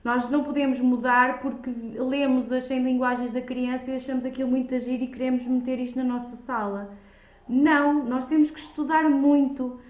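A woman's voice: high voice, fairly even intonation, moderate pace. A woman with a European Portuguese accent speaking emphatically in a conversational debate, repeating key words for stress. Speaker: childminder and early childhood educator, podcast guest. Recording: echoey room, dull lo-fi sound.

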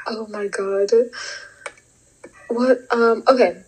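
A young woman chatting casually as a vlog host, animated and giggly with lots of fillers. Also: fairly high pitch, takes it slowly, husky, poor audio. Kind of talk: casual chat.

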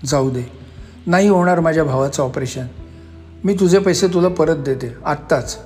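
A man's voice: on the high side, normal speed, darkish tone, faint music behind, close to an everyday voice. A man voicing a desperate young woman who pleads and cries as she tells her story. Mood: tearful pleading. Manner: pleading, emotional. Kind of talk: storytelling voice acting.

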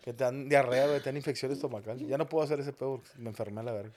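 A man, a podcast guest joking in loud, slangy banter. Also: medium pitch, steady tone, racing, a little hiss or hum. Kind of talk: casual chat.

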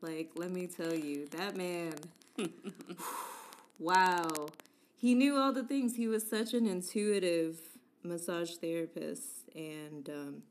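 A woman's voice: fairly low pitch, takes it slowly. A woman co-hosting a casual chat show, chatty and playful, often laughing and leaning on words for emphasis. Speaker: podcast co-host.

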